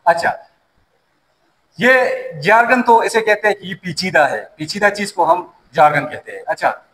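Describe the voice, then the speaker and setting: An animated, unhurried male instructor with a high, fairly bright voice is caught on a low-quality recording. He gives a safety course lecture in a classroom, explaining through questions he answers himself, and is a first-language Pashto speaker from the Pashto-speaking region of Pakistan.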